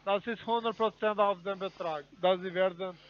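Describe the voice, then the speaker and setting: A man whose first language is not German, calling on the phone and speaking in broken, halting sentences, stammering and repeating words. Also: high voice, fairly even intonation. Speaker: scam caller. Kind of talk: phone sales pitch turned insults. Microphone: phone call. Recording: muffled phone line.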